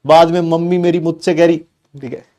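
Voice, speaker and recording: Animated high-voiced Indian teacher telling stories. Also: male voice, brisk. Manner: animated, mixes English phrases, acts out family members' lines. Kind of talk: storytelling to students in class.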